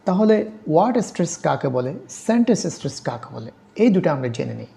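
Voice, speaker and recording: A woman giving an exam-prep lecture on English grammar, reading English definitions slowly and spelling out letters. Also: low-pitched, very animated, vocal fry, warm tone. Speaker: English teacher.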